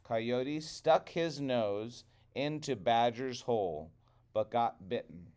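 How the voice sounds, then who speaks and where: A man telling a trickster tale as a storyteller, with deliberate, dramatic phrasing. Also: mid-range voice, darkish tone, clear, resonant tone.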